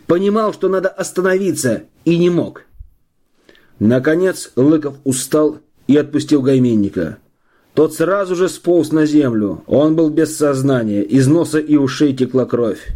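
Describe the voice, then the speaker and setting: Guy reading an audiobook, warm husky voice, steady and measured. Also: on the high side. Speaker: audiobook narrator. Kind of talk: scripted narration.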